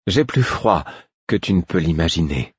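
Man voicing a weary gentle fool, soft, stubborn, deep husky voice. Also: expressive, normal speed, no room sound, lo-fi sound, full character voice.

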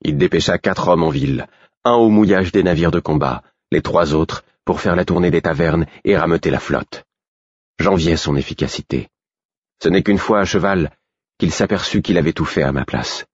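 A man reading a first-person novel aloud, with steady, measured narration and voices for the characters. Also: low-pitched, husky, no echo, dull audio. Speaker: audiobook narrator.

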